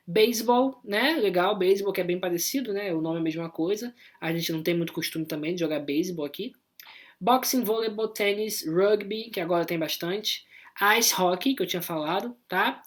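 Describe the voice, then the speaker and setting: A woman with a Brazilian Portuguese accent, explaining an online English lesson in a chatty way and tagging her sentences with quick checks to the class. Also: medium pitch. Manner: chatty, explanatory, constant "né?" and "tá?" tags. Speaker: English teacher.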